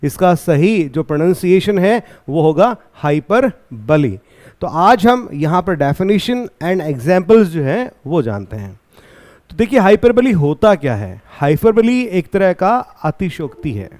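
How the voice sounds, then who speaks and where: A man gives an exam-prep lesson. He explains slowly and repeats each point, then puts questions to his class and answers them himself. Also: sits high, sing-song, a little mellow. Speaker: teacher.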